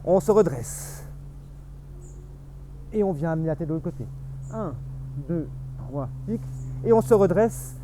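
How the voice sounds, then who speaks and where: A man's voice: fairly high pitch, lively intonation, a little slow, pauses often, noisy background. A man leading a Pilates workout, guiding the moves and counting the reps as he does them. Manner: cueing and counting reps while exercising. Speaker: Pilates instructor. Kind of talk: guided workout instruction.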